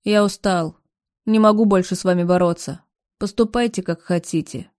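A woman voicing a tired, weak older rich man who speaks quietly and wearily. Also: mid-range voice, no room sound, studio quality, lightly acted. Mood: weary. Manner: quiet, weary and slow.

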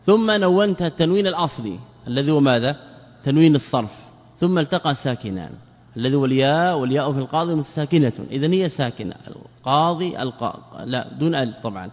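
A man's voice: on the high side, lively intonation, fast. A male scholar teaching grammar in a classroom lesson, repeating words and quizzing his students with questions. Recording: long reverb of a large hall.

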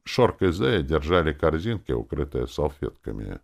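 A man narrating a fantasy audiobook in the first person, wry and expressive. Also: a bass voice, moderate pace, vocal fry.

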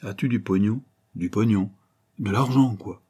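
A man's voice: fairly low pitch, unhurried, dark tone, husky. A man voicing a bold, streetwise street urchin boy with slangy, boastful patter. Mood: cocky.

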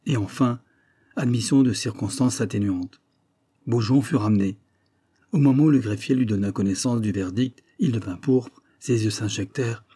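A man reading a classic novel aloud in measured, even scripted narration. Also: lowish voice, husky. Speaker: audiobook reader.

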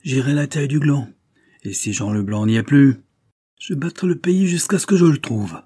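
A man voicing a gruff, dutiful gendarme brigadier who speaks vehemently. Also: mid-range voice, animated, moderate pace, warm tone, dry recording, studio quality, voice pushed up. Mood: vengeful.

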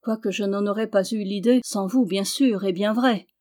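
In an audiobook, a woman voices a timid young male peasant suitor, speaking in humble, stammering country speech. Her mid-range voice is mellow and fairly even, delivered at normal speed with light acting.

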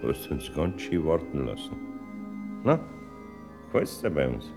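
Deep-voiced Bavarian Saint Peter. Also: male voice, big pitch swings, measured pace, exaggerated voice. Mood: genial. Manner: avuncular, welcoming. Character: genial, dignified old male saint welcoming souls. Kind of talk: German dialect radio play. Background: music.

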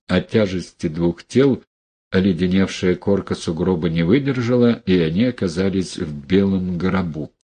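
Narrator: man, slow dramatic audiobook reading, mellow dark husky tone. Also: deep voice. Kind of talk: literary narration.

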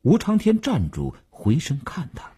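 A man giving scripted audiobook narration with an expressive storytelling delivery. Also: fairly high pitch, unhurried, husky.

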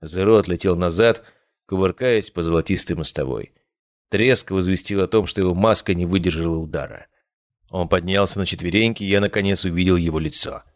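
A male narrator telling a first-person fantasy tale. His voice sits low and even, measured in pace. The recording is close and dry, with no room sound. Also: dry recording. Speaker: audiobook narrator.

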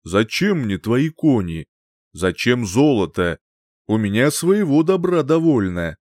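A man playing a calm, wise old singer-sorcerer who speaks slowly and with quiet scorn. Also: medium pitch, no room sound, studio quality. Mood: stern. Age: older. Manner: slow, measured, scornful.

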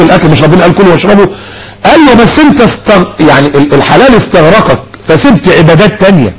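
A man preaching a sermon in an Egyptian Arabic accent, his high voice rushing and leaping widely in pitch. He talks emphatically, scolding his listeners with rapid rhetorical questions and mocking asides. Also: rough recording. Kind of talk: recorded sermon lecture.

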